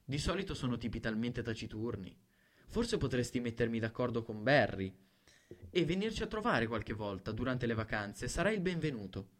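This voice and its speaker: A man voicing a bright, cheerful young mother who gushes and chatters. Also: medium pitch, sing-song, normal speed. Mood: bubbly. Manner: gushing, effusive.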